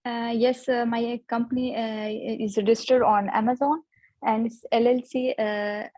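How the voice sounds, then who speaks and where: A woman student doing a practice call in halting English, hesitant and full of fillers, heard over a video call. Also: a little high, level tone, dark tone, no room sound. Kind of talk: role-play practice call.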